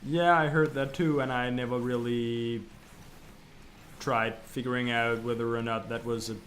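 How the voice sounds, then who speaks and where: A man co-hosting a podcast, chatting casually and loosely, swearing freely and getting animated as he recalls things. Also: medium pitch, normal speed, a little hiss or hum. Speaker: podcast co-host. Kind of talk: casual chat.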